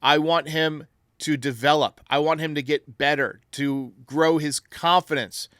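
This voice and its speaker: Answering fan voicemails in casual, opinionated sports talk, a man argues emphatically with conviction in a bright, forceful, steady voice pitched a bit above most men's. He speaks unhurriedly, and the audio is close and dry with no room sound.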